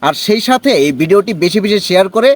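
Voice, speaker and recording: A man's voice: high-pitched, animated, quick pace. A man interviewing in formal standard Bengali, speaking as a presenter and praising his guest. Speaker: interviewer, journalist.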